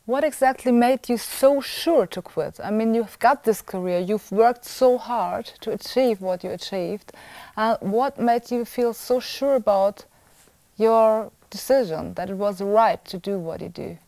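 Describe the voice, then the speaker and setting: A woman's voice: fairly high pitch, a little slow, warm tone, no room sound. A woman interviewing a guest, probing with follow-up questions and summing up his answers.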